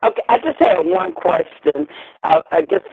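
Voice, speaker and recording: A woman's voice: fairly low pitch, sing-song, moderate pace, creaky, slightly rough, dry recording. Woman on a choppy, breaking-up phone line. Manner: hesitant, restarting words. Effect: choppy phone connection that keeps breaking up. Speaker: caller on a webinar.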